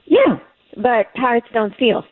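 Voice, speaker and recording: A woman speaking over a phone line into a radio show, incredulous and quick to interject. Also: a little high, big pitch swings, no room sound. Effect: heard over a phone line.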